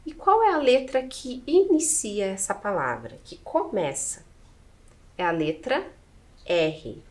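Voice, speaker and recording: A woman's voice: mid-range voice, big pitch swings, takes it slowly, a little mellow. A Brazilian woman teacher with a Brazilian Portuguese accent, patiently spelling out letters and syllables one by one in a video lesson.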